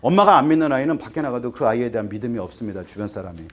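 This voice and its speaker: Speaking to parents, a man in his fifties who teaches at an academy delivers an animated, rapid-fire talk at medium pitch. He throws out rhetorical questions, plays the parts of students and parents, and grows heated enough to stumble over his words.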